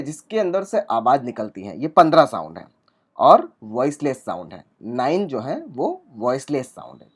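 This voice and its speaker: A man's voice: medium pitch, husky. A man teaching spoken English, explaining step by step and repeating each sound and example word while reading from notes on a laptop.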